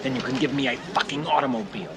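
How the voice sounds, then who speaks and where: An actor playing a furious, profane traveler. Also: male voice, medium pitch, lively intonation, very fast, lightly acted. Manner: profane, seething ranting. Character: furious stranded man at a car rental counter. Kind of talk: film clip. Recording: noisy film clip.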